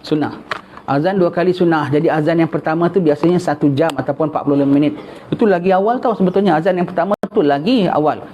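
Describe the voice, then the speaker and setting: A man's voice: fairly high pitch, fast talker, warm tone. Folksy older man teaching religion, lo-fi. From Singapore. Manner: conversational, folksy, mixes in Javanese and Arabic phrases. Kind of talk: kitab study lecture. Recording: dull lo-fi recording with faint noise.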